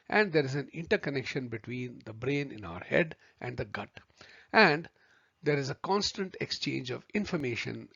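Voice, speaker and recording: A man teaching a video lesson, speaking deliberately and addressing viewers as friends. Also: mid-range voice, vocal fry, fairly bright tone, slightly rough, no echo. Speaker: homeopathy tutor. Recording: dry, slightly muffled recording.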